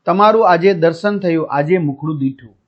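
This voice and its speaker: A man's voice: fairly high pitch, fairly quick. A male teacher reads a school lesson aloud and explains the answers step by step to his students. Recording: dull lo-fi recording.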